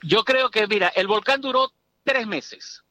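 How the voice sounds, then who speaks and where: A middle-aged man from Venezuela talks with a bright, forceful edge in a slightly higher register than most men. He tells his stories in a chatty, emphatic way, leaning hard on key words as an interview guest. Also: measured pace, no echo, poor audio. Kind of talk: casual interview chat.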